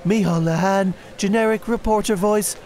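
A man playing a dry, deadpan news reporter. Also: high voice, moderate pace, lightly acted.

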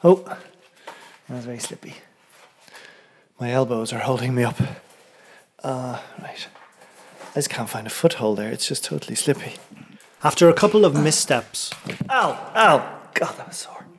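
Male presenter, mid-pitched, hushed and breathy, recorded underground with a handheld mic and a tight cave echo. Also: normal speed, long pauses, a little hiss or hum. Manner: breathy, murmured, sometimes whispering while crawling. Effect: close, boxed-in cave echo. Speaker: radio documentary presenter. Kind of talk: hushed first-person exploration narration. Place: inside a dark underground cave passage. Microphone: handheld microphone.

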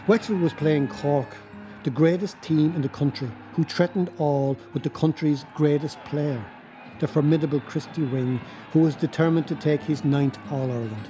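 Mellow-voiced male documentary narrator. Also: fairly high pitch, fairly even intonation, faint music behind, rough recording. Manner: measured storytelling. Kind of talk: scripted narration.

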